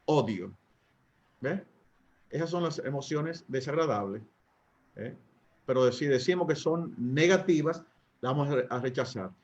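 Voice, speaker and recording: A Dominican man, a priest, teaching couples in a talk, often pausing with fillers and asking his listeners rhetorical questions. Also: on the high side, lo-fi sound. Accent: Dominican Spanish. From Dominican Republic. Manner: asks the audience rhetorical questions, hesitates with fillers.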